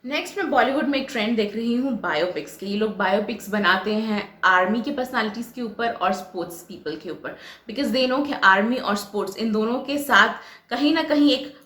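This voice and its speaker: A woman from Bengal delivers pointed reaction commentary, switching between Hindi and English. Her voice sits a little high and she presses her points with emphasis. The sound carries a noticeable room echo. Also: fairly quick, fairly bright tone. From West Bengal, India.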